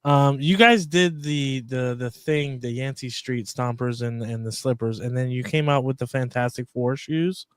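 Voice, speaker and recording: A man's voice: medium pitch, moderate pace, few pauses, smooth, dry recording. A man co-hosting a casual podcast chat, asking curious questions.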